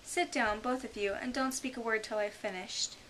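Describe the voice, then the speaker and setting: A woman's voice: fairly high pitch, steady tone, a bit bright, close to an everyday voice, low-quality recording. A woman voicing a mournful, touchy old male turtle creature, telling his story plaintively. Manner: plaintive, easily offended, slow storytelling. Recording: hissy home recording.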